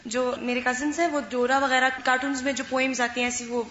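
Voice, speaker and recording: Chatty woman student, slightly high voice. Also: little pitch movement, a bit bright, a little hiss or hum. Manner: chatty, with hesitant fillers. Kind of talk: sharing in class discussion. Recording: roomy, dull lo-fi classroom recording.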